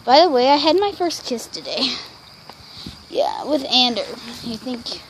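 A female voice narrating a toy role-play vlog, excitable and given to squealing cheers. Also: high-pitched, a little slow, noisy background. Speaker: toy video maker.

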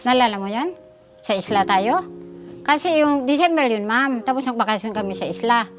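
A woman's voice: on the high side, expressive, normal speed, faint music behind. A woman, a mother, politely recounting family trouble and addressing her listener respectfully. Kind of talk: casual account.

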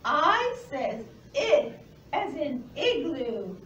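Lady doing a squeaky little puppet boy, super high and slow, eager and polite, kids lesson, echoey classroom. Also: expressive, highs cut off, heavily acted. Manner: bright, exaggerated childlike delivery. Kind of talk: children's puppet lesson role-play. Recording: roomy, noisy, distant camera mic.

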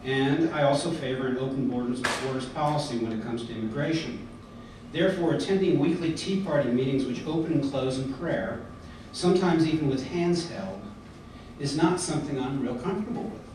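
At a convention in a big indoor hotel conference hall, a middle-aged American man delivers an earnest prepared podium speech, frequently pausing on fillers and restarting. His voice is mid-range with a darkish tone, picked up by the podium mic and a far-off camera that captures echo and background noise.

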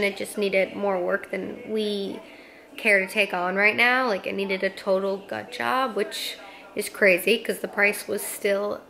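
A woman in her twenties chatting casually to a handheld camera in a vlog, upbeat and talkative with quick asides. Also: medium pitch, a bit bright. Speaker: vlogger. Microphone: phone or camera held at arm's length.

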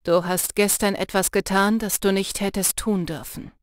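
A woman's voice: fairly even intonation, moderate pace, no room sound, clean studio sound, natural voice. A woman voicing an intense, protective young male shapeshifter in an audiobook, earnest and urging. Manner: low, earnest and urging, soft when teasing. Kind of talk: audiobook character voice.

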